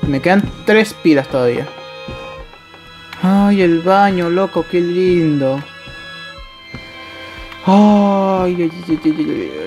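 A man with an Argentine accent and a high voice talks through a horror game as he plays it. He is jumpy and excitable, breaking into yelps, laughs and casual swearing. Faint game music runs underneath. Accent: Argentine Spanish. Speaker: gameplay streamer. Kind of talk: live horror game commentary.

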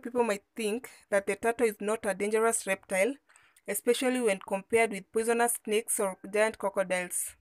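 A woman's voice: medium pitch, fairly even intonation, a little fast, no echo. A woman reading scripted nature documentary narration as a video voice-over.

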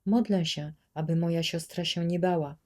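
A woman voicing a gentle, pious young boy who speaks softly and earnestly, in an audiobook reading. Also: lowish voice, fairly even intonation, moderate pace, lightly acted. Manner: soft, earnest.

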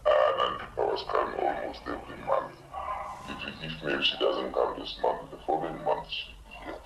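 A man with an electronically lowered, disguised voice, answering interview questions haltingly and repeating words as he searches for them. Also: fairly even intonation, creaky, highs cut off. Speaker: prison inmate interviewee. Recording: echoey and noisy disguised recording.

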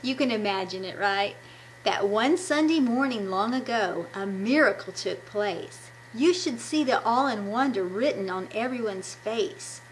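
A woman in her fifties delivers an enthusiastic devotional talk to children as a puppet ministry presenter, captured by a webcam at arm's length in a small room at home. Her medium-pitched voice has lively intonation and a measured pace; the recording is low-quality with slight background noise.

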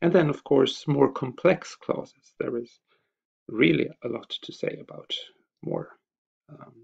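Slow, gravelly-voiced male lecturer. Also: mid-range voice, a little mellow. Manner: hesitant, many filler pauses. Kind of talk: recorded slide lecture. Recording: dull lo-fi voice recording.

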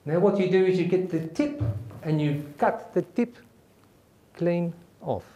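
A gruff South African army sergeant barks his survival lesson at new troops, as a man puts him on for a joke. The voice sits fairly high and the delivery is clipped and commanding. It rings in an echoey room. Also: lively intonation, measured pace, mellow, slight background noise. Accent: South African (put on). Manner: barking drill-sergeant commands.

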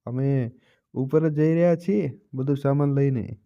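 A man's voice: mid-range voice, unhurried, creaky, dark tone, muffled recording. A man voicing a harsh young daughter-in-law who scolds sharply, in a storybook reading. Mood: scolding.

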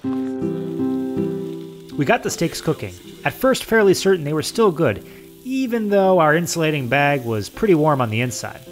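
A man's voice: fairly high pitch, very animated, unhurried, long pauses, over music. A man narrating a travel vlog in an easygoing, reflective way. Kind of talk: scripted narration voice-over.

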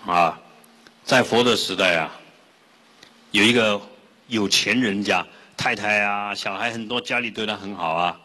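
A man, a Buddhist monk, giving a lively sermon that tells stories and asks the audience questions. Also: on the low side, measured pace. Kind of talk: sermon with storytelling. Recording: reverberant hall.

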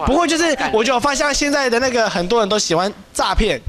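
A man with a high voice tells a playful story quickly, acting out the dialogue himself. Loud music plays behind him the whole time. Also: animated. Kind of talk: animated anecdote telling. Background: loud background music.

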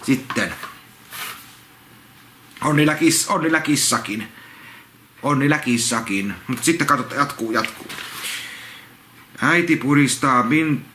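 A man reads a children's picture book aloud and keeps drifting into rambling, repetitive commentary full of false starts. His voice is bright and forward. The room is echoey, with faint noise underneath. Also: medium pitch. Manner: repetitive, halting, full of restarts and asides. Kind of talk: casual read-along with rambling commentary. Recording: roomy echo, faint background noise.

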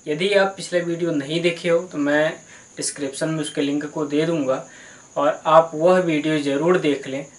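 A man's voice: fairly high pitch, steady tone, moderate pace. A man teaching a math lesson in a patient, explanatory way, calling his students "beta" and mixing English terms into his talk. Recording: echoey room.

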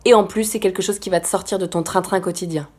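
A woman's voice: lowish voice, steady tone, fast, darkish tone, slightly rough. Upbeat woman vlogger giving friendly advice. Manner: upbeat, encouraging, talks straight to the viewer; chatty with frequent "euh" fillers. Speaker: lifestyle vlogger. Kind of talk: casual advice to camera.

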